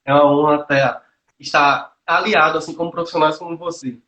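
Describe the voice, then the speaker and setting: A young Brazilian nutrition student from Salvador talks briskly on a video call in a steady, high-leaning voice that sounds pushed and bright. He explains his views earnestly, thinking aloud with frequent restarts and fillers, and the audio is roomy and echoey.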